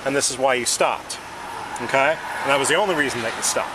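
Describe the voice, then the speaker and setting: A police officer questioning a driver at a roadside crash scene, calm and procedural, saying "okay" again and again. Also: male voice, mid-range voice, fast talker. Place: outdoors by a car at a roadside. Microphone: body-worn camera. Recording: noisy bodycam audio with traffic.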